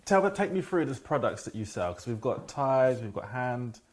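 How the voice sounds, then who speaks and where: Male vlog host, mid-pitched voice, eager interviewer. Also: very animated, normal speed, darkish tone. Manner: enthusiastic, prompting questions. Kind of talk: casual interview.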